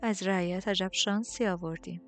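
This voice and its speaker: A woman voicing a condescending queen who speaks slowly and mockingly, in an audiobook over faint music. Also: medium pitch, steady tone, lightly acted. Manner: slow, drawn-out, mocking. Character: haughty, condescending queen, middle-aged woman.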